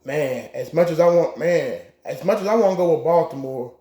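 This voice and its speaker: A man's voice: fairly high pitch, a little fast, dark tone. A man co-hosting a casual sports chat, giving blunt picks with profane trash talk. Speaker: co-host making game picks. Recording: echoey room.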